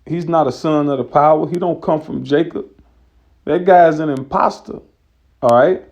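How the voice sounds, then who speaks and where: A man teaching scripture in a loose, conversational way, slowing down to read verses aloud. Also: fairly high pitch, creaky, a little mellow, lo-fi sound. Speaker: religious teacher.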